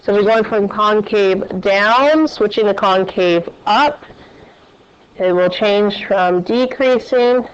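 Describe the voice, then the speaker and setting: Slow-paced woman teaching a class. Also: mid-range voice, slight background noise. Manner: quizzing students with questions. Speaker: math teacher. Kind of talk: classroom lecture. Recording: dull, lo-fi classroom recording.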